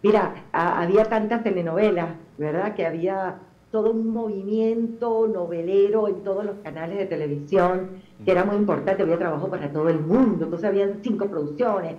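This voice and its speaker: A middle-aged telenovela actress appears as a guest in a TV interview, speaking in a lowish voice with the highs cut off from the audio. Her Venezuelan accent carries some Argentine touches, and she chats expressively with lots of fillers.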